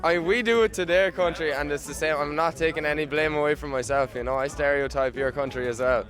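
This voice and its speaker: A man's voice: on the high side, fast talker, a bit bright, faint music behind. A man from Ireland giving frank, emphatic opinions in an interview out on a city street.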